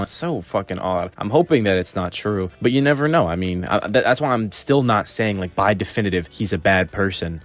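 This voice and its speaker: A man talking through a casual commentary video, chatty and profane, often breaking into short laughs. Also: on the low side. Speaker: commentary YouTuber.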